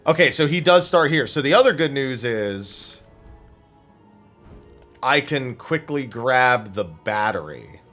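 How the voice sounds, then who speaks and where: A man's voice: medium pitch, animated, slow, pauses often, a bit bright, soft background music. A man streaming a video game, thinking aloud about his plans, swearing freely and laughing at the game. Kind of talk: casual live game commentary.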